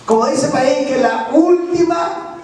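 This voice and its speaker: Male pastor, high voice, preaching from far off the mic in a very echoey church, keeps checking in with the congregation. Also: measured pace, a little mellow. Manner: keeps asking the congregation "right?". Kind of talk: sermon. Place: church hall.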